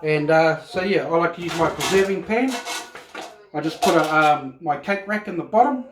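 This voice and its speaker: A man in middle age speaks with a Maori New Zealand accent in a fairly high register. He rambles easily through a home cooking demonstration in loose, colloquial phrases. The room rings noticeably around his voice, as if recorded on a phone across the counter. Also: moderate pace, heavy background noise. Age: middle-aged. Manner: laid-back, rambling, colloquial. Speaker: home cook presenting a cooking video. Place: home kitchen, indoors. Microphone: phone camera across the counter. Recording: echoey kitchen, camera at a distance.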